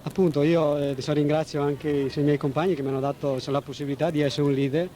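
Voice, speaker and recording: A man's voice: on the high side, level tone, rapid-fire, dark tone. A man in his thirties, a footballer being interviewed on radio, talking modestly in simple, hesitant phrases. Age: 30s. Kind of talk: post-match radio interview. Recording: 1980s radio recording.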